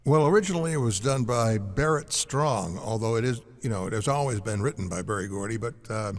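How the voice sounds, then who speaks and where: A man's voice: fairly low pitch, lively intonation, fairly quick, long reverb tail. A man co-hosting a podcast, chiming in with short replies and music trivia in casual chat. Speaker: podcast co-host. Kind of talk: casual chat about movie soundtracks.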